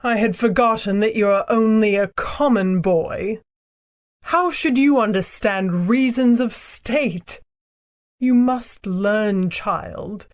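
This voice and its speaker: A woman voicing a proud, cruel ancient queen and sorceress in an audiobook, speaking in a slow, imperious, theatrical way. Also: mid-range voice, natural voice. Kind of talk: audiobook character reading.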